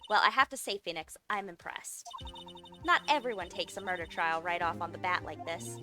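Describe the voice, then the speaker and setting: A woman voicing a calm, composed female senior lawyer who speaks in a measured, reassuring way. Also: fairly low pitch, over music, voice pushed down, natural voice. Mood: approving.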